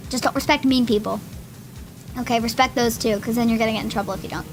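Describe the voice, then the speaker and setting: A woman's voice: fairly high pitch, fast talker. A young woman streamer chatting casually while playing, rambling and joking at herself. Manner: rambling, joking, self-deprecating. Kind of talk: casual gameplay commentary. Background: game music.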